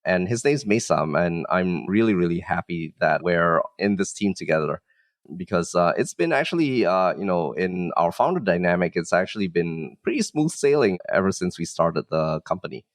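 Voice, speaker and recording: A startup founder from Singapore appears as a podcast guest, explaining things casually and modestly with frequent "like" and "you know" hedging and other fillers. His voice sits low, expressive and moderately paced, in a dry, clean studio recording.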